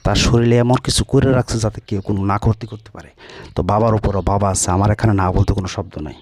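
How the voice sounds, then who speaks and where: A man working as a folk healer, giving blunt, scolding instructions in a video and chanting spells slowly at times. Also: lowish voice, fairly even intonation, darkish tone.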